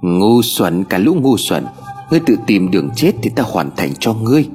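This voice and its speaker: A man's voice: on the low side, big pitch swings, moderate pace, darkish tone, soft background music. A man voicing a cruel, scornful old male sorcerer who threatens in a sneering tone.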